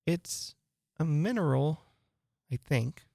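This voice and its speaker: A reader voicing a polite, puzzled young girl who answers softly and hesitantly. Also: mid-range voice, lively intonation, takes it slowly, gravelly, dry recording, clean studio sound, heavily acted. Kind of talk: audiobook character voice.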